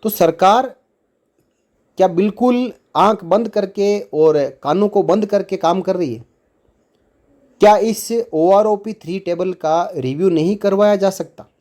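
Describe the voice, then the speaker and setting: A man's voice: sits high, measured pace, a little mellow. A man explaining pension tables to viewers, reading figures off a table in an indignant tone. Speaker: news commentator.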